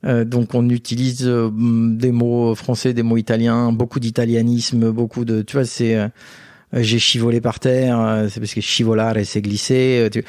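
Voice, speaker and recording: A man chats as an interview guest, recounting family anecdotes with animated quoted voices. His voice sits at an ordinary middle pitch. The recording is very dry and close. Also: moderate pace, dry recording. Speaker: guest, entrepreneur and father. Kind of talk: casual interview storytelling.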